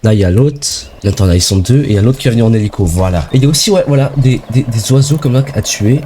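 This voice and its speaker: A young man from France chats excitedly through a let's-play, slangy and quick to react. His voice sits at a middle pitch with a mellow, soft tone. A faint hiss hangs in the background. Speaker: gaming video creator. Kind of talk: casual let's-play commentary.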